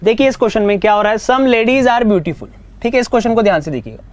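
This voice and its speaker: A man teaching reasoning in a live exam-prep class, brisk and coaxing, mixing Hindi with English. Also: high-pitched, lively intonation.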